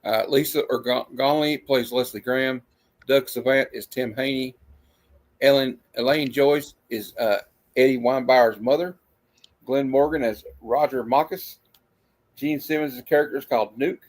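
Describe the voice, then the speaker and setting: A man acts as horror host for a movie review stream. His delivery is casual and conversational, a loose host's patter in a medium-pitched voice. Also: normal speed. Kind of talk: casual livestream chat.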